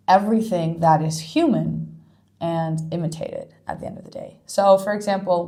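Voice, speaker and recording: A woman's voice: on the low side, darkish tone. A woman co-hosting a podcast in casual chat, a little tired, thinking aloud with lots of fillers. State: tired, yawning. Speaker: podcast co-host.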